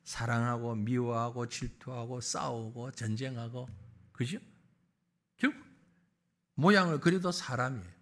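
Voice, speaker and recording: A man's voice: medium pitch, a little slow, pauses often, fairly bright tone. A man preaching a sermon as pastor, with rhetorical questions to the congregation.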